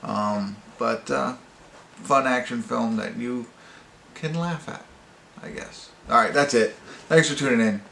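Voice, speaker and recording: The amateur movie reviewer here has a medium-pitched voice that's unhurried, pushed and bright, with vocal fry. He hosts an improvised, casual review, rambling and hesitating for words, recorded with roomy echo and faint background noise.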